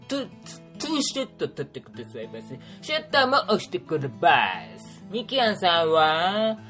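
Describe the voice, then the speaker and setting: Playful storyteller with lively pitch. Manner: playful, punning, adds sound effects. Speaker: tour organizer recounting a trip. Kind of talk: casual spoken trip recap.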